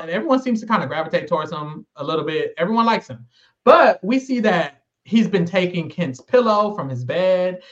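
Animated high-voiced man co-host. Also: muffled recording. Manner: animated, slangy, dramatic storytelling. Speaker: podcast co-host. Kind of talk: casual recap chat.

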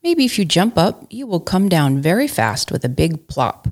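A woman reading aloud as a practical mother bear who gently teases her cub, calm in tone. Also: on the low side, normal speed. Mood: patient.

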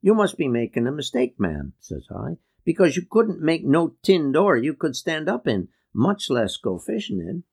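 A man voicing a boisterous, teasing old outport man, who booms out tall tales. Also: sing-song, normal speed, creaky, few pauses, darkish tone, husky, full character voice. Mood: mocking. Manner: booming, teasing, tall-tale telling. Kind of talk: reading a memoir aloud.

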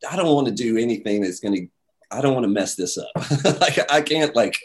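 A man telling a story in casual talk, animated, acting out quotes with many fillers. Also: mid-range voice, fairly quick.

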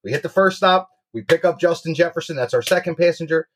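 A man co-hosting a sports betting show, pitching picks in brash, slangy, sweary bro talk. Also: quick pace, slight background noise.

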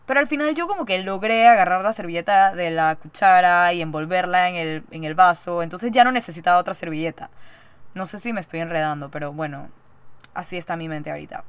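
A young woman hosting a podcast, telling a story in a chatty, animated way and acting out the lines she quotes. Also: lowish voice, a little fast, clean tone, no room sound. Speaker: podcast host. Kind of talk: casual storytelling monologue.

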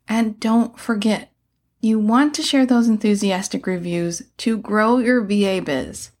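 A woman's voice: mid-range voice, darkish tone. A woman hosting a scripted solo advice podcast in an upbeat, tidy vlogger manner, with playful, casual phrasing. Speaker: podcast host and mentor for virtual assistants.

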